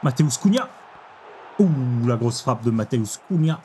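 A young man commenting on his own football video game match, excitable, exclaiming and groaning at each play. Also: mid-range voice, a little slow, a little hiss or hum. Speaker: gaming YouTuber. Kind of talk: live gameplay commentary.

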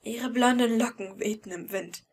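A woman's voice: on the high side, normal speed, slightly rough. A woman reading a fan-fiction audiobook in first person, with emotional, tense storytelling. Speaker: audiobook reader.

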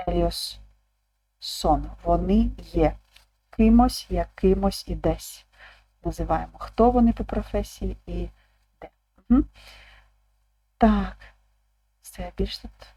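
Woman language teacher, calm and patient, slow deliberate delivery, dark mellow tone. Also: fairly low pitch, husky, rough recording. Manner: calm, slow, repeats words aloud. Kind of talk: slow explanatory online lesson.

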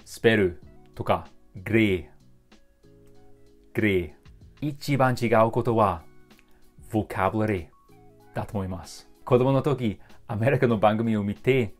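A man from Britain, a native English speaker, teaching vocabulary in Japanese and repeating each word three times. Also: on the low side.

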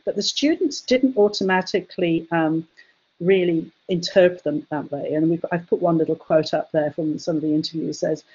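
A woman giving an academic chemistry education webinar, talking hesitantly with many fillers and restarts, her voice going hoarse. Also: on the low side, moderate pace, darkish tone. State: losing her voice, coughing. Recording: dull lo-fi webinar audio.

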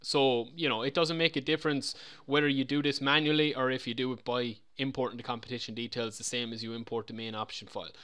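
A man's voice: medium pitch, fairly even intonation, fast, few pauses, a bit bright, smooth. A man talking casually through a screen-recorded game tutorial, chatty and a little rambling. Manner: chatty, loose, repeats himself. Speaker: game modding tutorial presenter.

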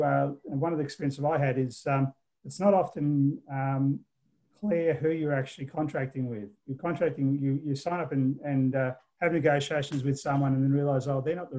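A man's voice: medium pitch, dark tone. A middle-aged man, a cybersecurity consultant on a video-call panel, explaining contract advice step by step. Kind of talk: webinar panel discussion.

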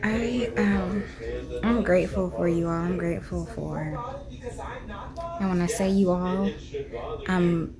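A woman's voice: on the low side, fairly even intonation, slow pace, pauses often. A young American woman rambling casually to her vlog, talking with a sore, swollen jaw. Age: young adult. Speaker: vlogger. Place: at home and in a parked car. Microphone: phone at arm's length. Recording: music playing behind the voice.

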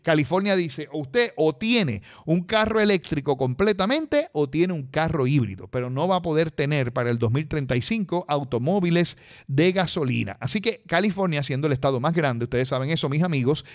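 A man's voice: fairly high pitch, expressive, a little fast. A man presenting a radio technology segment, talking chattily and straight to the listeners. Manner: chatty, addresses listeners directly.

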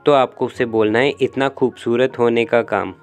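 A young man talks straight to camera in a casual, instructive tone, walking through sample lines and playing both sides of each conversation. His voice sits at an ordinary middle pitch, and faint music runs quietly behind him. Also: steady tone, moderate pace. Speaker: YouTube dating-tips host. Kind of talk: casual explainer vlog.

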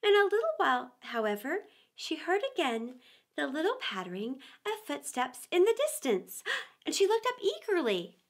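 A woman narrating a children's storybook read-aloud in an animated, expressive way. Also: sits high.

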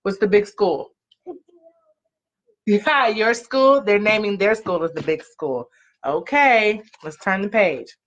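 Reading slowly with long pauses, a mid-range female voice shares a children's storybook from a small living-room couch. She draws out key words expressively and asks the little ones questions in a parent-like way, and the audio comes from an arm's-length webcam or laptop mic, muffled and lo-fi.

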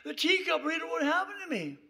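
A man's voice: extremely high pitch, very animated, brisk, gravelly, pushed and bright, voice pushed up, heavily acted. A man voicing a tearful converted woman. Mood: emotional. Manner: earnest, emotional testimony.

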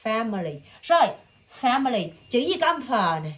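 A woman's fairly high, sing-song voice with a rather bright tone carries a Southern Vietnamese accent. She coaches one learner on English words, pronouncing them slowly and patiently repeating them.

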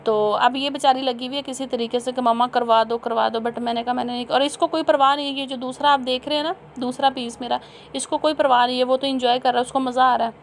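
A woman's voice: high voice, fairly even intonation, fast, a little hiss or hum. A woman in her thirties from Pakistan, a mother narrating a family vlog in a chatty voice-over, amused and teasing, often breaking into laughter.

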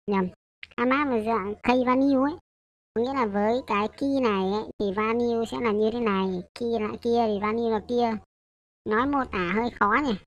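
A woman whose voice is a little high and a bit bright is heard over lo-fi sound. She handles a casual programming tutorial in a loose, unsure way, correcting herself and regularly checking in with the people listening.

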